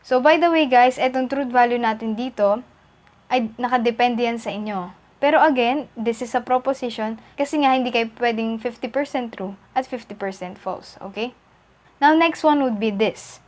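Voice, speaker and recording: A woman's voice: fairly high pitch, moderate pace. A woman with a Filipino accent teaching a step-by-step lesson as a tutor, switching between two languages midsentence. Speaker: math tutor. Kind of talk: instructional video lesson, explaining step by step.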